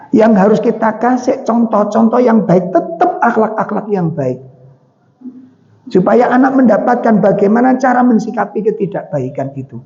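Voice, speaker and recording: A man's voice: very high voice, mellow. A man with a Javanese accent preaching in a mosque, telling stories and asking the audience questions. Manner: chatty storytelling with questions to the audience. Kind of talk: mosque sermon. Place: mosque hall. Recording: dull sound with long hall reverb.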